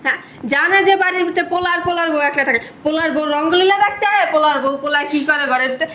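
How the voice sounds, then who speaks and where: An actress plays a bullying young wife in a drama. Her voice sits high and she shouts insults scornfully. A faint background noise runs under the scene. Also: moderate pace, natural voice. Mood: shrill. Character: spiteful shrill young wife, bullying her mother-in-law.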